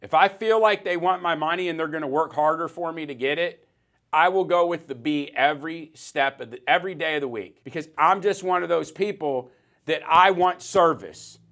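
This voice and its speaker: A man with a fairly high voice, delivering a motivational business talk. He talks emphatically, restarting sentences and hammering points home by repetition. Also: moderate pace, a bit bright. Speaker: business coach.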